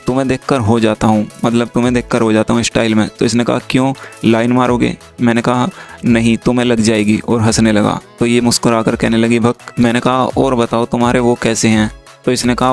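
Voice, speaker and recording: A young man talks through a chat screen recording in a very flat, unvaried voice that never rises or falls much. Faint music plays under his narration. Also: medium pitch. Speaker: YouTube creator.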